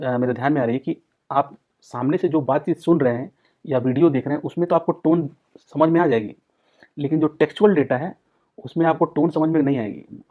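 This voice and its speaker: Man giving an exam-prep lecture, lo-fi. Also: on the high side. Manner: explains in Hindi mixed with English terms, repeats key points. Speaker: psychology tutor. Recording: dull, lo-fi sound.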